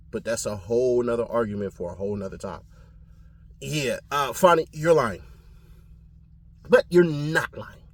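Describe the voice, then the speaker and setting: A man from California giving casual commentary on his channel, animated and slangy, often laughing. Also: medium pitch. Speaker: commentary vlogger.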